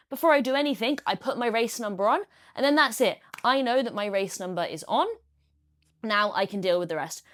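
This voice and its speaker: Chatty woman explaining her kit. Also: a little high. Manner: chatty, practical, explains step by step. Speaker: triathlete vlogger. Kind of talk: casual how-to vlog.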